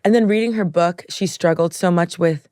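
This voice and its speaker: A woman with a slightly low voice tells stories in an animated way as a podcast guest, throwing herself into quoted lines. The sound is dry and close. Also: normal speed, no room sound. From Miami, USA. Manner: animated storyteller, acts out quotes, laughs often. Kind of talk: casual chat.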